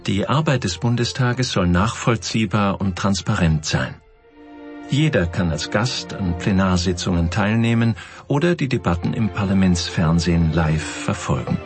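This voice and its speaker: A male narrator reads a documentary script in an informative tone. His voice sits low but moves a lot in pitch. Music plays clearly underneath. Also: lively intonation, normal speed.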